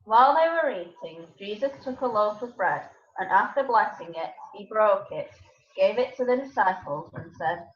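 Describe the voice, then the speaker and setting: A woman's voice: mid-range voice, lively intonation, moderate pace. A woman giving a scripted narration of scripture as the narrator of a dramatised reading. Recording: echoey room, dull lo-fi sound.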